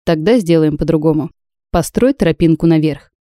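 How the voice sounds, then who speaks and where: A woman voicing a teasing, mysterious male mage in an audiobook, speaking low and soft with calm amusement. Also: normal speed, dry recording, studio quality, lightly acted.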